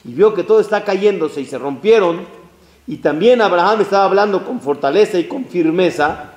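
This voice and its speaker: Brief: an emphatic rabbi teaching a class, fairly high pitch, roomy sound. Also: male voice, normal speed. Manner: animated, emphatic, mixes in Hebrew phrases. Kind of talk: religious lesson. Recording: roomy echo.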